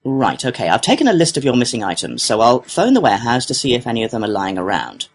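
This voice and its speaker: In a scripted listening-test dialogue, a man voices a courteous, businesslike complaints clerk, delivering customer-service lines helpfully and procedurally. He speaks fast in a medium-pitched, sing-song voice.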